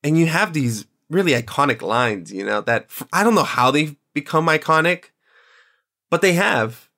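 A man's voice: fairly high pitch, lively intonation, normal speed, vocal fry, sharp tone. A male podcast host chatting casually and enthusiastically, often rambling and correcting himself as he goes. His delivery is loose and conversational, with fillers throughout. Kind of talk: casual chat.

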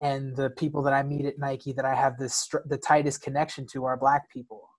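An American man, appearing as a guest in a conversation, speaks candidly about his own life, occasionally repeating words while he hunts for the right phrasing. His voice is medium-pitched and flat, and he talks a little fast.

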